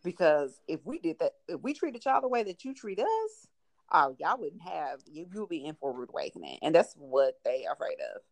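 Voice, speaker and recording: A woman's voice: deep voice, very animated, fairly quick, vocal fry, no echo. A woman hosting a casual podcast, frank and colloquial with emphatic delivery. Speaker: podcast host.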